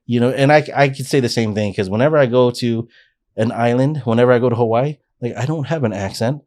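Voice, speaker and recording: Quick-paced and darkish in tone, his mid-range voice carries an earnest, rambling account of his life, full of restarts. He's in his forties, appearing as a guest on a podcast for a casual life-story interview.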